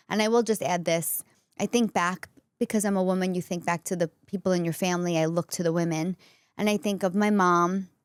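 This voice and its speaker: A woman's voice: fairly low pitch, dry recording. A woman, hosting a podcast and talking casually and candidly straight to her listeners. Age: 40s. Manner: candid, conversational, addresses listeners directly. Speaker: podcast host. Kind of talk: casual solo talk to audience. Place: indoor podcast studio.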